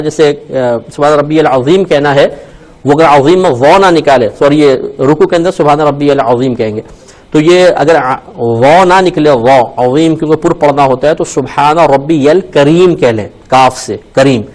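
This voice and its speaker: A man from Pakistan, a mufti, explaining the steps of prayer on a call-in program and slowly spelling out Arabic phrases. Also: on the high side, darkish tone, low-quality recording. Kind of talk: religious instruction on a call-in program.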